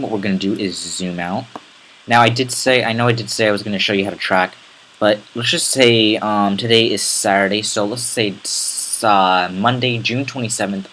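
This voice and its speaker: A man with a raspy voice giving a casual, rambling step-by-step software tutorial. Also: lowish voice, slight background noise, low-quality recording. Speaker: tutorial host. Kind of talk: screen-recorded software tutorial.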